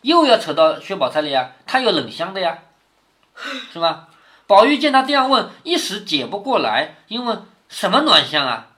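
A man's voice: sits high, sing-song, moderate pace, bright, forceful tone. A man reading a classic novel aloud to his daughter, stopping to explain passages and ask her questions. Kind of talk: storytelling with commentary.

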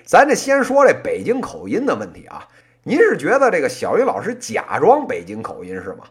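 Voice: mid-range voice, wildly swooping pitch, fairly quick. A podcast host in their late thirties with a Beijing accent, delivering a colloquial comic monologue in one-person crosstalk style, full of erhua and little interjections. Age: late 30s. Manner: colloquial plain speech with erhua and frequent interjections.

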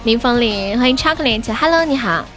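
A woman's voice: a little high, lively intonation, fairly quick, fairly bright tone. A woman hosting a livestream, chatting casually and playfully with viewers. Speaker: livestream host. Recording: music playing behind the voice.

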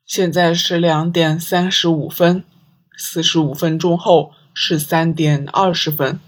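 A composed police inspector reasoning through a case, voice low and deliberate, as a woman reads him in a storybook. He lays out his thinking step by step without hurry. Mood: calm. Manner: calm, measured. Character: calm, analytical male police inspector.

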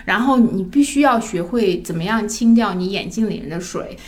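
A woman's voice: mid-range voice, lively intonation, normal speed, a little mellow. A woman in her thirties chatting casually on a podcast, telling personal stories and acting out the voices of people she quotes, often laughing. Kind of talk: casual chat, personal storytelling.

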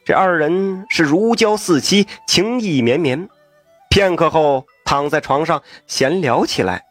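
Lively male storyteller, dry sound. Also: on the high side, no echo. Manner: lively, with folksy asides and exclamations. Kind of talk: traditional storytelling narration.

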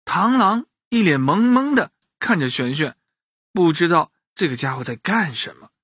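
A man narrating a children's bedtime story, lively and speaking to the kids directly. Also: on the high side, moderate pace, husky, no echo, studio quality.

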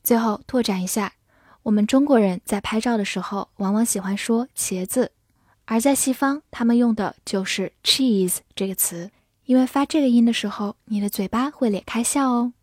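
A woman English teacher giving a scripted vocabulary lesson, spelling words letter by letter and reading example sentences slowly. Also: a little high, darkish tone, dry recording, studio quality.

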